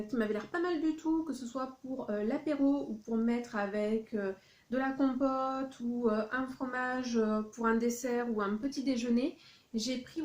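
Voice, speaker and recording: Brief: woman, higher voice with a mellow tone, casual haul vlog, hesitant and chatty, roomy sound. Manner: chatty, hesitant with many fillers. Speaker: vlogger showing a shopping haul. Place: home office.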